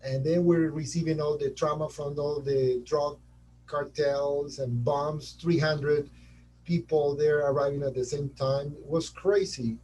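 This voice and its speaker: A man from Colombia with a Colombian Spanish accent speaking English as a second language, talking in an animated way as a surgeon being interviewed on a webinar. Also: mid-range voice, recorded from a distance, poor audio. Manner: animated, repeats words while searching for them. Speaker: transplant surgeon guest.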